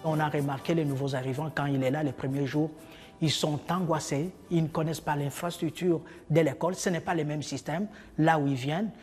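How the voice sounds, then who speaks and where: A man who works with newcomer families at school, explaining in a measured way with some fillers in a documentary interview. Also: fairly high pitch, steady tone, a little mellow, long reverb tail, faint music behind. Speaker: school settlement worker.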